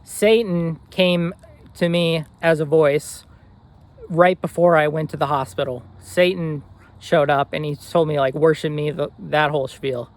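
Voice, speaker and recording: A young man in his twenties tells a personal story straight to the camera. His voice sits a little high for a man. He talks earnestly and rambles, with many fillers and restarts. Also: fairly even intonation, a little slow. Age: 20s. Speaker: vlogger.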